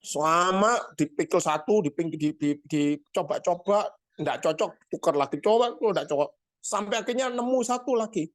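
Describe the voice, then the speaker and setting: Conversational pastor with an East Javanese accent. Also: male voice, sits high, normal speed. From Surabaya, Indonesia. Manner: conversational, addresses congregation directly. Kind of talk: sermon storytelling.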